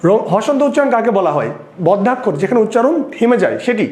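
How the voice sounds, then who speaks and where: A man's voice: high voice, very animated, brisk, a little mellow. A man teaching a recorded exam prep lesson in a Bangladeshi Bengali accent. He asks the class questions and then answers them himself. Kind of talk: recorded lecture. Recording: echoey room.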